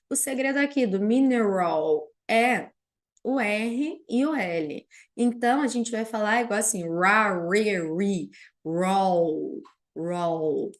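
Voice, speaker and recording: A young woman from Paraná with a Brazilian Portuguese accent, teaching English vocabulary and slowly repeating each word for her students. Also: a little high. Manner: drills English words slowly and repeats them for learners. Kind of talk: online vocabulary lesson.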